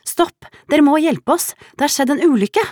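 A frantic young woman cries out and pleads in a high, shrill voice, as a woman reading the story puts her on. The recording is dry and close. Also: dry recording, natural voice. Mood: desperate. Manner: pleading, shouting. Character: young woman, desperate and breathless.

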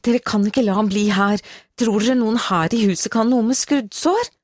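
A woman's voice: sits high, fairly even intonation, warm tone, no echo, voice pushed up. A woman narrator voicing a frightened young woman who speaks in a trembling, urgent way.

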